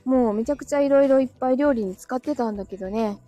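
A woman with a slightly high voice hosts a casual live audio stream, reading listener comments and thanking them. She is chatty and laughs often, and her throat sounds dry. Faint music plays underneath. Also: fast talker, dark tone, no room sound.

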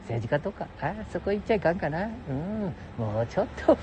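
Gruff older man, heavy ramble. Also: on the high side, sing-song, fairly quick, noisy background. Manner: gruff, jokey, talks to listeners as "お前". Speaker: solo audio show host. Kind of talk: rambling casual monologue. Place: outdoors beside a public toilet.

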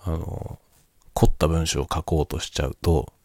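A man talking quietly in a casual late-night solo chat, reflective and explanatory, often repeating his key phrases. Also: very deep voice, level tone, moderate pace, dry recording, studio quality. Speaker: solo host of a spoken chat.

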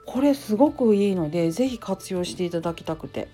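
A woman's voice: medium pitch, fairly quick, faint music behind. Chatty Kansai-dialect nurse woman. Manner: chatty, lively, hedging with fillers. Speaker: nurse and temple priest's wife, channel host. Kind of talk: casual solo talk.

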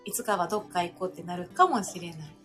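A woman's voice: fairly low pitch, expressive, fast, a bit bright. A woman with a Kansai accent, chatting casually as co-host of a livestream. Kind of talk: casual chat. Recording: clear music behind voice. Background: music.

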